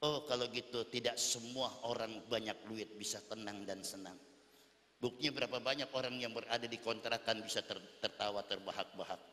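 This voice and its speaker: A man's voice: on the low side, fairly even intonation, fairly quick, pushed and bright, a little hiss or hum. A man preaching a sermon at a religious gathering, teasing the crowd with questions. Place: large hall at a religious gathering. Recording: echoey hall.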